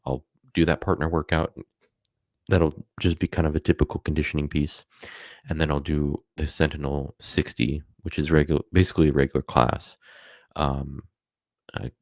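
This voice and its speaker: A man's voice: a bass voice, dry recording, studio quality. A man talking casually on a live stream, rambling with many fillers and self-corrections.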